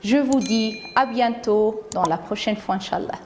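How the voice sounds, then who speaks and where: A woman's voice: fairly high pitch, unhurried, slight background noise. A woman teacher gives a phonics lesson to young children. She says each word carefully, repeats it, and breaks it into syllables. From Morocco. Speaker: primary school teacher.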